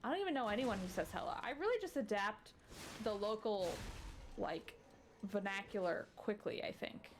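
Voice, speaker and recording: With game music running underneath, a woman hosts a game playthrough in a mid-range voice with lively intonation at normal speed. She wanders off into rambling casual asides and yelps when startled, and there's a slight hiss or hum.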